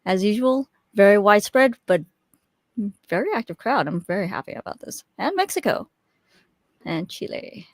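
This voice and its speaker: A woman's voice: mid-range voice, lively intonation, normal speed, no room sound, clean studio sound. Chatty woman hosting a live webinar. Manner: chatty, friendly, filler-heavy with frequent restarts. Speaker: webinar host. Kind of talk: casual live webinar welcome. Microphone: USB desk microphone.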